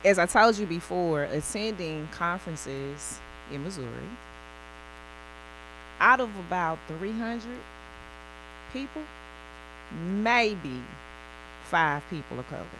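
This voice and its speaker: A woman giving a public presentation, speaking in deliberate, emphatic phrases and posing rhetorical questions. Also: on the low side, lively intonation. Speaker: co-presenter, higher education speaker. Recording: clear electrical hum and buzz.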